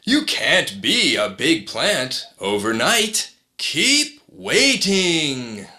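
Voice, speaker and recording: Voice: medium pitch, big pitch swings, very slow, pushed and bright, heavily acted. A performer voicing a wise, encouraging forest elder in a storybook segment. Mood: gentle. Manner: soothing, encouraging. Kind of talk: storybook reading.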